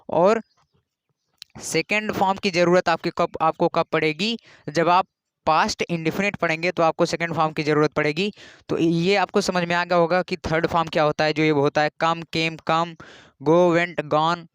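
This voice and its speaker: A man from India teaching English grammar in a patient classroom style, repeating key rules and spelling words out slowly. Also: high voice, fairly bright tone, clean tone, no room sound.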